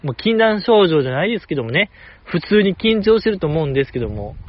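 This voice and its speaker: A man's voice: high voice, sing-song, fast talker, dry recording, dull audio. A man hosting a casual solo podcast, rambling with enthusiasm as he comments like a fan. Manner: enthusiastic rambling fan commentary, soft self-deprecating jokes. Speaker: podcast host.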